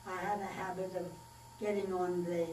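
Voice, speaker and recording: A woman in her nineties, recalling her childhood in a slow, plainspoken oral history interview. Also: lowish voice, little pitch movement, darkish tone. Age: 90s. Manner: unhurried, plainspoken storytelling with pauses and fillers. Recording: echoey room, distant mic, faint mains hum.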